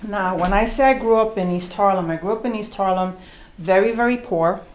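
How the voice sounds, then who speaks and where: A woman's voice: mid-range voice, roomy sound, slight background noise. New woman telling a story live. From New York, USA. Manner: animated, conversational, acts out voices and slows for emphasis. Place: storytelling concert venue with audience.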